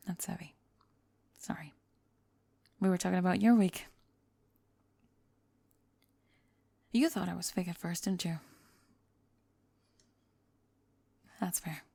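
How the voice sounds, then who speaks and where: In an intimate ASMR roleplay, a woman plays a young pop star on a one-sided date, her fairly low voice crackling with fry and recorded very close and dry with no room sound. At a steady, moderate pace with long pauses, she confides nervously and hesitantly, worn by fame yet kind and playful, often fading into soft murmurs.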